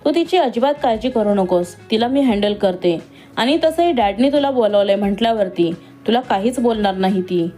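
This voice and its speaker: A woman's voice: medium pitch, expressive, moderate pace, mellow, soft background music, natural voice. A woman voicing an outspoken, teasing young woman who has just qualified as a doctor, in a read-aloud story. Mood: lively. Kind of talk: storybook reading.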